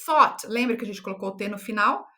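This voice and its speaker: Bright-voiced Brazilian teacher woman. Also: mid-range voice, animated. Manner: patient, clear, repeats words slowly for practice; checks in often with short tag questions. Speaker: English teacher. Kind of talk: online English lesson.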